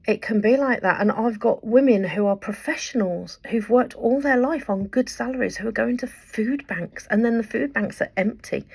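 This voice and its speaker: A woman's voice: medium pitch, creaky, husky. A woman giving an earnest, impassioned weekly update to her viewers, rambling with fillers as she talks. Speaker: vlogger and writer. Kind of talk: direct-to-camera weekly update.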